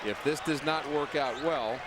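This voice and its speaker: Male baseball analyst over loud crowd noise. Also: on the high side, a little slow. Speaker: baseball color commentator. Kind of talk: live sports analysis commentary. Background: loud ballpark crowd.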